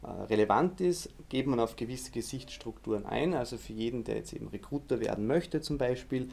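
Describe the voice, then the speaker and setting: Man, instructive guest, steady explaining, mid pitch. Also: fairly quick, gravelly, slight background noise. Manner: steady, instructive, many fillers. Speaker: face-reading trainer and guest. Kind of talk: explanatory interview talk.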